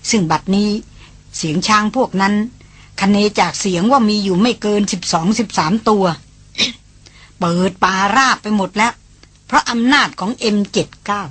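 A woman narrating a novel as an audiobook in a steady storytelling manner. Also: mid-range voice, normal speed, husky, dry recording. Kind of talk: novel reading.

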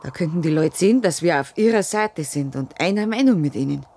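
A woman playing a calculating village widow in a radio play, speaking in a flat, plotting way. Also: low-pitched, fairly quick. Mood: scheming. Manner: matter-of-fact, plotting.

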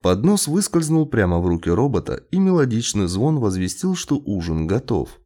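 A man narrating a science fiction story in an expressive audiobook reading. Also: fairly low pitch, normal speed.

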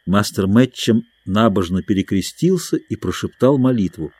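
A man's voice: lowish voice, lively intonation, moderate pace, a little mellow, breathy edge, no room sound. A man narrating an adventure novel as an audiobook reader. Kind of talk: scripted narration.

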